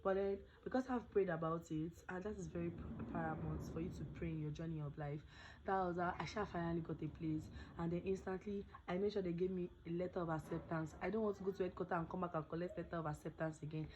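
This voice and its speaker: Chatty Nigerian woman, lowish voice. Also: fairly even intonation, fast, highs cut off, noisy background. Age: young adult. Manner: chatty, mixes in pidgin phrases. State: voice not fully recovered. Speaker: vlogger. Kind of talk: casual storytelling vlog.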